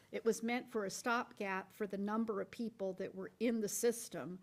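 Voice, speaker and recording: Woman at a board workshop, explaining at length. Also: mid-range voice. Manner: explains with step-by-step hypotheticals, frequent restarts. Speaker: school board member. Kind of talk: deliberating at a public board workshop. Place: board meeting room.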